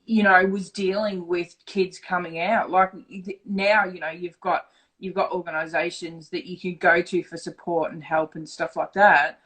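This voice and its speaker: A woman's voice: lowish voice, normal speed, poor audio. Australian woman, middle-aged, frank, swears casually, storytelling interview. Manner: frank, swears freely, animated when retelling dialogue. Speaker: interview guest.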